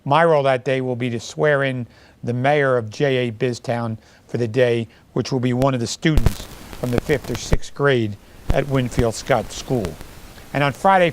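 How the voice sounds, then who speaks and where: A man's voice: medium pitch, slight background noise. A man who is a mayor hosting a local TV show, reading announcements and chatting with guests in a friendly, joking way.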